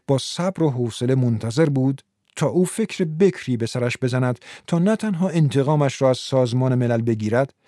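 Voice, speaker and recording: A man narrating an audiobook in a measured, steady reading. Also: mid-range voice, no echo, studio quality.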